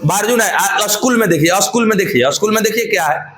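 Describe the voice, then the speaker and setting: High-voiced grammar teacher in an echoey classroom. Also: male voice, animated, fast talker, over a noisy crowd. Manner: repeats phrases, drills students with questions. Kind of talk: classroom lecture.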